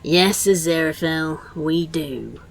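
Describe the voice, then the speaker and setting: A woman's voice: sits low, slow pace, vocal fry, soft background music, heavily acted. A woman voicing a sardonic, bossy male demon in a fan audio drama, talking in a dry, exasperated, scolding way.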